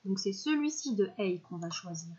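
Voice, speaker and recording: A woman primary school teacher giving a recorded spelling dictation, stretching out each word slowly and clearly with patient classroom talk. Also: mid-range voice, lively intonation, mellow, muffled recording. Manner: slow, clear over-articulation of words, patient teacher talk.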